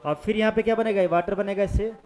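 A man's voice: high-pitched, steady tone, fast talker, a little mellow. A male physics teacher lecturing a class of students, mixing Hindi and English, dictating notes and quizzing them with questions. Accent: Hindi-English mixed, Jharkhand region.

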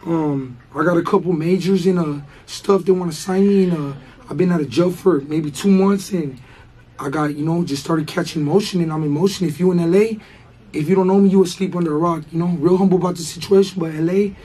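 Young la dude, hoarse and husky, rambling slangy chat, kinda high voice. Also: male voice, brisk, dark tone, rough recording. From Baldwin Park, Los Angeles. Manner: rambling, slangy, many fillers and restarts. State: hoarse, losing his voice. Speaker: rapper guest. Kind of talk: casual interview chat.

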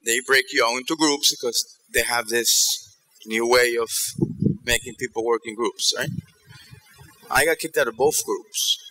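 On a theater stage in a large auditorium, a middle-aged keynote speaker from New York and Ecuador gives a motivational conference talk, telling animated stories and checking in with the audience. His voice is mid-range at a moderate pace, and the audio is poor.

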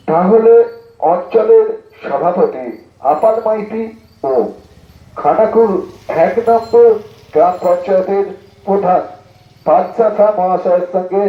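A man makes a formal public announcement through a megaphone, declaiming in measured short phrases with pauses. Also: high voice. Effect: amplified through a megaphone. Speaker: political party announcer. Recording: echoey, dull lo-fi loudspeaker sound.

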